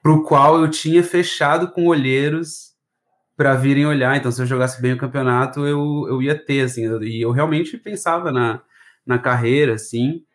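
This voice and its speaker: Speaking at a moderate pace with fairly even intonation and a medium pitch, a man chats casually as a podcast guest. He's from Florianópolis, southern Brazil, has a mild regional accent, and rambles with plenty of slang.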